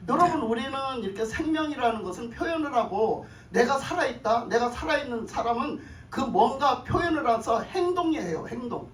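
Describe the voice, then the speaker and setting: Inside an echoing church sanctuary, a woman pastor preaches in a slightly high, expressive voice at a brisk pace. She often asks her congregation questions, repeats phrases, and chuckles. The mic picks her up from far off, with faint noise.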